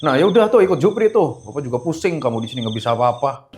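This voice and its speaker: A man's voice: mid-range voice, very animated, rapid-fire, a little mellow, a little hiss or hum, natural voice. A man voicing a fed-up middle-aged father who keeps nagging his jobless son. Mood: exasperated. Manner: nagging, exasperated.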